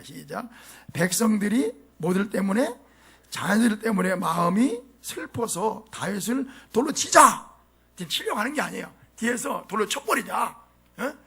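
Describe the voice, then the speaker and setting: A man preaching a sermon as pastor, animated and often asking the congregation questions. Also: high-pitched, vocal fry, breathy edge. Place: church sanctuary.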